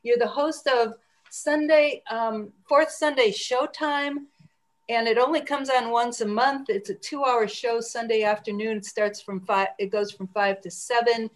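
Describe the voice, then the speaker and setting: A woman with a fairly high voice hosts a radio conversation. She is encouraging and appreciative, talking to her guests in an easy interview style. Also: fairly even intonation, measured pace. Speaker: radio station host interviewing programmers. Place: remote group video call.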